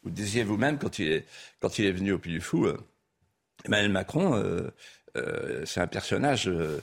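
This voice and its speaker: A man's voice: low voice, big pitch swings, moderate pace, creaky, slightly rough. An older man, a guest author on a talk show, speaking hesitantly and repeating words as he tells a story.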